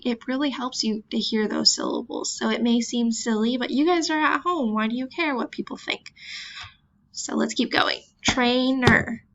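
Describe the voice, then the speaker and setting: Over a computer mic, a woman teacher leads a virtual classroom lesson in a higher voice with dull audio. She patiently sounds out words and drops chatty, self-deprecating asides.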